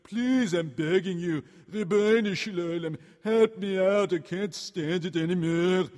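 Storybook role: male actor as wailing, self-pitying townsman, high and slow, plaintive delivery. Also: a little mellow, in a large hall. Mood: pleading, despairing. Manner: plaintive, drawn-out complaining. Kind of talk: dramatized children's story.

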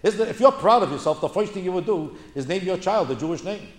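Ranting observational stand-up from an American man, indignant and emphatic, with repeated phrases landing the punchlines. He sounds high-pitched, animated and fast. The clip comes from an echoey live room with plenty of noise.

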